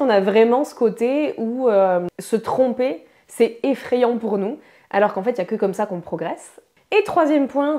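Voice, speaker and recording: A young woman from France, a pronunciation teacher, giving a chatty, upbeat online lesson and drilling words slowly. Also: medium pitch, dark tone.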